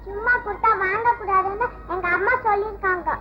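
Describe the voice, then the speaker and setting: A woman's voice: very high-pitched, steady tone, fairly quick. A woman voicing a polite, earnest poor little girl who sells dolls in a film. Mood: innocent. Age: child figure. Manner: earnest childlike talk. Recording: dull old film soundtrack with music.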